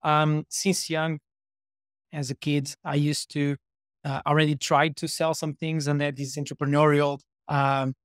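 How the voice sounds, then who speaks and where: A man's voice: fairly high pitch, little pitch movement, a little slow, no room sound, clean studio sound. A man in his thirties from Portugal, a startup co-founder, chatting as a podcast guest with many fillers and restarts. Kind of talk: casual interview talk.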